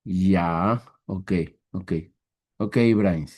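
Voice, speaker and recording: Patient teacher with a mellow voice. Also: male voice, low voice, steady tone. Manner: patient, repetitive, checks understanding with "¿ya?"; slow, deliberate step-by-step counting. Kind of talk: online math lesson.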